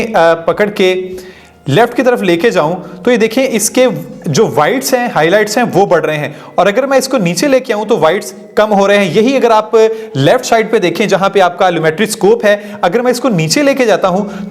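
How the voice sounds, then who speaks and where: A man's voice: high voice, lively intonation, normal speed. A man giving a screen-recorded video editing lesson, explaining each step and mixing English terms into his talk, with hesitant fillers. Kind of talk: screen-recorded software tutorial.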